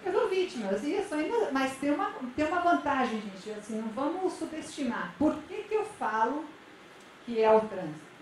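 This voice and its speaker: A woman's voice: high voice, big pitch swings, normal speed, slight background noise. A woman giving an interactive conference talk, speaking conversationally and often checking in with her audience. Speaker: lecturer at a public-sector conference. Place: large convention center auditorium. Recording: echoey hall, voice from a distance.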